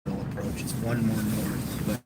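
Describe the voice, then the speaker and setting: A man's voice: fairly low pitch, little pitch movement, fast talker. A man talking casually about the weather as a storm chasing companion in a car. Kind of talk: casual live weather chat. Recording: distant mic, very loud car noise.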